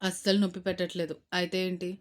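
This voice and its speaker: A woman doing a stubborn gruff young husband. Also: fairly low pitch, level tone, fast, natural voice. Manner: loud, blunt, stubborn.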